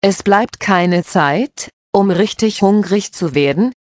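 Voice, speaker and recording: A woman voicing a patient mother who calmly explains cooking steps to her children. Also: medium pitch, slow pace, dry recording, studio quality, close to an everyday voice. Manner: calm, instructive.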